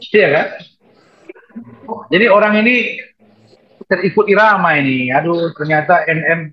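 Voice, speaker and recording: A man speaking as a lawyer at a press conference, emphatic and repetitive. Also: a little high. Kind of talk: press statement and Q&A. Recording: dull lo-fi sound.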